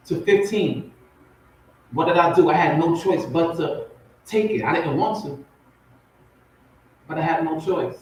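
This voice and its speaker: This man's voice is on the high side and a little mellow. Raised in Compton, California and Portmore, Jamaica, he appears on a talk show as a spoken word poet, recounting his own life informally and emphatically, with phrases repeated for weight. The sound is very echoey, noisy and distant.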